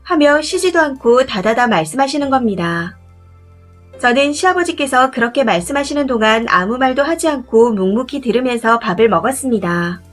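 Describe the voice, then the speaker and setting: A woman reading a first-person family story as scripted narration, in a steady, confiding way. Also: a little high, normal speed, soft background music.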